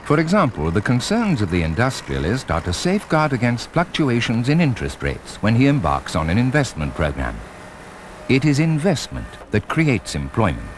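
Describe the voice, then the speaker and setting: A man reading scripted corporate documentary narration in a measured, formal way. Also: medium pitch, huge pitch swings, slight background noise. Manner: measured, formal presenter delivery. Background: music.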